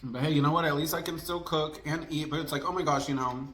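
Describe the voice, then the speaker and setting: A man with a slightly high, bright voice talks casually to his viewers. He rambles and vents candidly, like a food vlogger telling stories over a meal. The room is echoey, with a little background noise. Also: fairly even intonation, fast. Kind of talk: casual mukbang storytime chat to camera.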